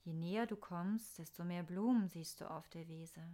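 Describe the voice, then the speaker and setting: A woman narrating a scripted guided meditation in a soft, soothing, unhurried manner with pauses. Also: fairly low pitch.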